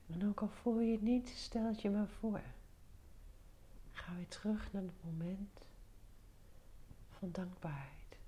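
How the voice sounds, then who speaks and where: A woman guiding a meditation in a soft, breathy near-whisper, soothing, giving short instructions with pauses. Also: medium pitch. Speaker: meditation guide. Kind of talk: guided meditation.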